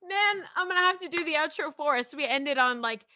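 A woman co-hosting a casual podcast, chatty and animated, rambling through opinions with lots of filler and restarts. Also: sits high, brisk, no room sound. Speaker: podcast co-host.

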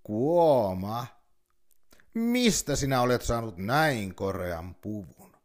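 A man's voice: mid-range voice, very animated, natural voice. A man voicing a vain, gullible bear in a storybook reading, eager and naive.

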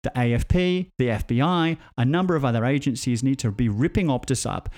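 Man, mid-pitched voice, tech commentator, casual joking storytelling. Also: fairly quick. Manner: animated, joking, with lively voiced asides.

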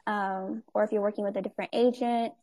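Speaking fast in a warm, medium-pitched voice with a steady tone, this twenty-something nonprofit owner is a guest in a casual interview. Fillers and easy laughter run all through what she says.

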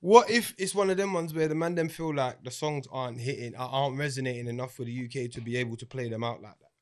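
Male DJ, London roadman accent and slang, fast conversational delivery. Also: medium pitch. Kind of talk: casual group discussion.

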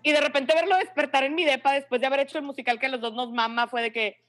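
A woman's voice: high voice, quick pace. A young woman with a northern Mexican accent, telling a story in casual chat and acting out the voices of the people in it. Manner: animated, acts out quoted voices, heavy slang.

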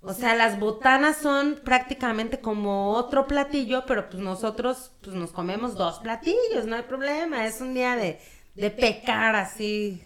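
High-voiced Mexican woman chatting casually. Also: a little slow, fairly bright tone. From Guerrero, Mexico. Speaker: podcast guest. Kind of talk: casual chat.

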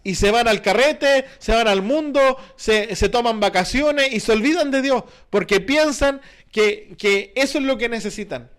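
Chilean male pastor, very high voice, earnest sermon delivery, keeps asking the congregation questions. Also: normal speed, fairly bright tone. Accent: Chilean Spanish. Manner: earnest, repetitive preaching with rhetorical questions.

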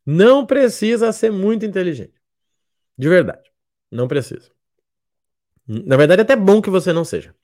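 Blunt, lively man mentoring. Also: a little high. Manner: blunt, jokey, acts out students' lines. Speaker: miles program mentor. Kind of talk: casual motivational talk.

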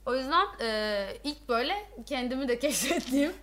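A young woman co-hosting a podcast, telling stories with animated, acted-out quotes in casual chat. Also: high voice, fairly quick. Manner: animated storytelling, acts out quotes. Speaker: podcast co-host.

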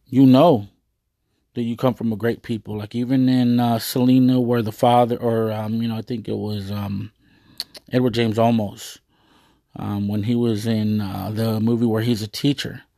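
Gravelly man, rambling and earnest. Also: lowish voice, level tone, moderate pace, warm tone, no echo, studio quality. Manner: rambling, hesitant, heavy on fillers; earnest, proud. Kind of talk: casual monologue to viewers.

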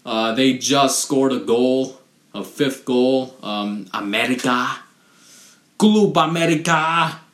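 Slow, rambling man in an echoey room. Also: medium pitch, steady tone. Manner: rambling, many fillers and restarts. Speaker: podcast host. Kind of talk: casual solo podcast monologue.

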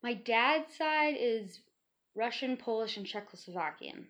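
A woman's voice: a little high, expressive, unhurried, a bit bright. A woman in her thirties from Iowa, a guest in a casual interview, chatty and playful, laughing often.

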